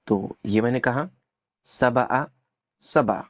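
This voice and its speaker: A man teaching an Arabic lesson, patiently explaining and slowly repeating words for learners to copy. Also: medium pitch, no echo, clean studio sound.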